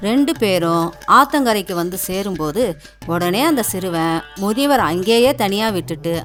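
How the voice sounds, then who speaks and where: A woman's voice: medium pitch, expressive, moderate pace, fairly bright tone, faint music behind. A woman narrating a cartoon folk tale in a storyteller's manner, with a Tamil accent.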